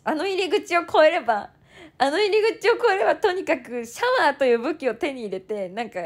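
Young woman, high voice, swoops up and down, chatty storytelling, quick quoted lines, lots of laughter. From Toyama, Japan. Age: 20s. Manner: animated, acts out others' lines, laughs often; fast bursts of quoted speech. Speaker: idol turned streamer. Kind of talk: casual storytelling chat.

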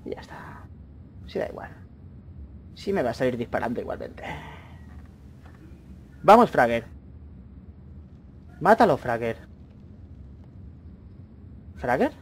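A young man commentating his own gameplay, chatty, with excited outbursts and muttered asides. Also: mid-range voice, slow pace, pauses often. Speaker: gaming YouTuber. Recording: faint noise, mouse and keyboard clicks.

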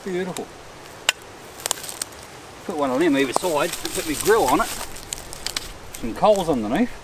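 A middle-aged Australian man, an outdoor vlogger, gives casual camp narration to camera while camping and fishing on a riverbank at night, in a laid-back, chatty, self-amused way. He has a fairly high pitch, lively intonation and a moderate pace. A camera mic at a distance picks up outdoor night noise.

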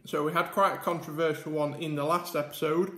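A man's voice: a little high, fairly even intonation, brisk, fairly bright tone, reverberant. A man hosting a casual mukbang vlog, chatting and rambling with many ums as he eats at a table. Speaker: YouTube host. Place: indoor room at a table. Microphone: camera mic with face cam and top camera.

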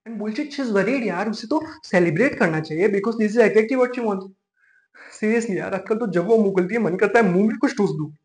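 A man performing a scripted comic rant monologue, exasperated and ranting, mixing in English phrases. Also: high voice. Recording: echoey room.

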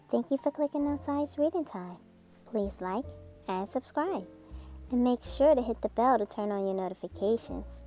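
The woman's voice sits on the high side and sounds warm as she expressively reads a picture book for children. She hosts the channel, and music plays under her reading.

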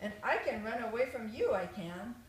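A woman's voice: fairly high pitch, animated, normal speed, close to an everyday voice. A cocky little gingerbread boy sing-songs his dare at his chasers, as a grandmother reads him aloud. The taunt is chanted in a lilting, teasing way. The reading sits in an echoey room with a faint hiss behind it. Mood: boastful. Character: cheeky runaway gingerbread boy, boastful.

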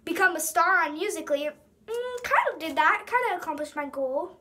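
High-pitched ten-year-old girl chatting casually. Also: expressive, brisk, bright, forceful tone. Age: child, ten years old. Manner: giggly, self-mocking, dramatic. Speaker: young vlogger. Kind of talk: casual chat, reading aloud from old diary. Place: small room at home, indoors.

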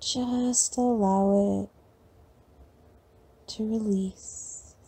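A woman leading a guided sleep meditation in a slow, soft, soothing way with long pauses. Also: medium pitch, steady tone, breathy edge.

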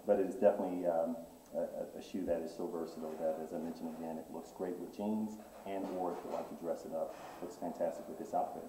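Talking quickly in a low, steady voice, the middle-aged owner of a menswear shop eagerly presents his products for an interview, leaning on lots of fillers. A far-off camera records him amid background noise and the echoey acoustics of the store.

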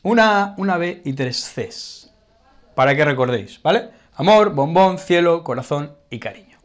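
A man from Spain with a Castilian Spanish accent who teaches Spanish vocabulary. He speaks slowly, repeats words, checks understanding with short tag questions, and writes on a board as he explains. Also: a little high, animated.

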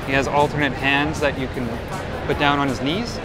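Off the cuff and informal, a male collectibles video host tours booths on a busy indoor convention show floor, tossing out mild opinions along the way. His voice is medium-pitched and steady at a moderate pace, competing with a loud crowd and loud music.

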